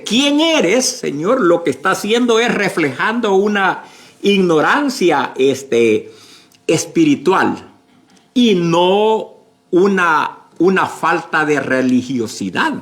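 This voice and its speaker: A male pastor preaching a sermon slowly and emphatically, with many fillers and repeated words. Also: a little high, sing-song.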